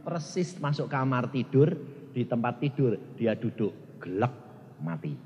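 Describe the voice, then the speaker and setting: A male evangelist tells stories in a sermon. He is animated and swings between loud exclamations and low asides. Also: a little slow, noisy background. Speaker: evangelist preacher. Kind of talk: storytelling sermon. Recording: long church hall reverb.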